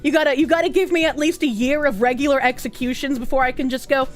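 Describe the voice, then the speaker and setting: A woman live streamer chatting casually, with playful swearing and the gushing, exclamatory manner of an excited anime fan. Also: sits high, quick pace, soft background music.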